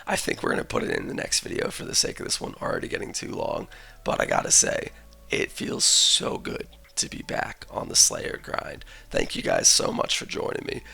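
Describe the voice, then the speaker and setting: Hoarse raspy young man narrating gameplay. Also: extremely low pitch, huge pitch swings, normal speed, pushed and bright. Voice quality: raspy, gravelly. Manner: casual, chatty, jokey asides. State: hoarse, losing his voice. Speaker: gaming channel host. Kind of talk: game commentary voice-over.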